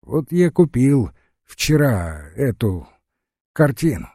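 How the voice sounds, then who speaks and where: Figure: a man reading as an old haunted general. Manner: hushed and slow. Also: medium pitch, sing-song, husky, no room sound, studio quality, exaggerated voice. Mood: confessional. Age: older. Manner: hushed, confessional, halting. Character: aging pious army general, haunted, confiding.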